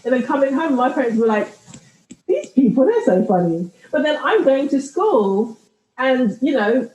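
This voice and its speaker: A reflective British woman, a writer and podcaster, is a guest in a conversational interview, often circling back and restarting as she works through ideas. Her high, warm, mellow voice is very animated at a moderate pace, recorded in a room with noticeable echo.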